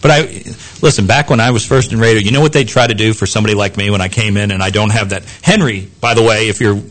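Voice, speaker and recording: A man's voice: fairly low pitch, steady tone, quick pace, fairly bright tone. A man sitting in as a local radio talk host, chatting casually and rambling with frequent restarts and self-deprecating asides.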